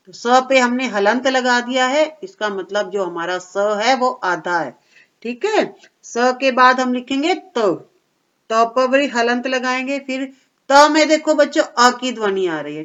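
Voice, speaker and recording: A woman teacher with a slightly high voice walks young children through a worksheet, patient and step by step. She keeps checking that they follow along. The recording is dull and lo-fi. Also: fairly bright tone.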